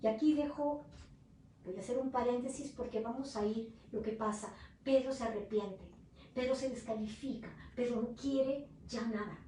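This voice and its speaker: A woman pastor preaching a sermon as emotional storytelling, moving from loud to hushed moments. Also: fairly high pitch, moderate pace, a little hiss or hum. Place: church hall. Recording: distant, very echoey room.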